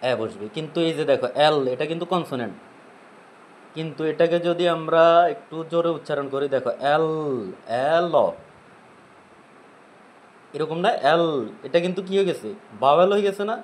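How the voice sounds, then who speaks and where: A man's voice: a little high, a little hiss or hum, low-quality recording. A man teaching English grammar in Bengali with a Bangladeshi accent, explaining step by step and often asking his students if they follow. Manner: asks checking questions, repeats points. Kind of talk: classroom explanation.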